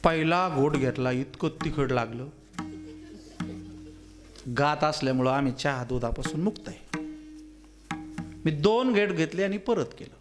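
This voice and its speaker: Man, kirtan preacher, fairly high voice, teasing, lively delivery. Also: a little slow, long pauses, over music. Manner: animated, swings between loud exclamations and quiet asides; teasing, asks the audience questions. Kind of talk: devotional kirtan sermon with humorous stories.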